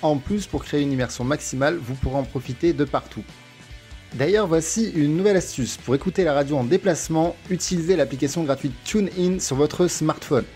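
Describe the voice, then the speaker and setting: Man from France, test-prep teacher, slightly high voice, methodical scripted delivery, faint music bed. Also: brisk, a little mellow. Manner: clear, methodical list-reading delivery. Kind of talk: scripted explainer narration.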